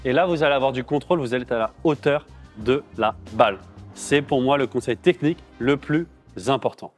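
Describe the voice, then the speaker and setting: A man's voice: medium pitch, a little fast, faint music behind. A young man presenting an informal padel tutorial in an explanatory, conversational way. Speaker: padel player and coach-like presenter. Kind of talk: casual tutorial talk.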